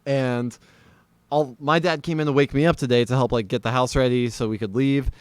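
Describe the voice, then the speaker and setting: A man co-hosting a podcast, telling a story in casual chat with animated, laughing delivery. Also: medium pitch, a little fast, smooth, no room sound. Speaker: podcast co-host.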